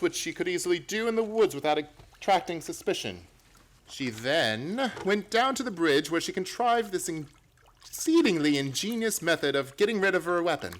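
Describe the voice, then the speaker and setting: A brisk, confident gentleman detective is voiced by an actor in an old-time radio drama, his pitch on the high side. He lays out formal explanations with theatrical precision.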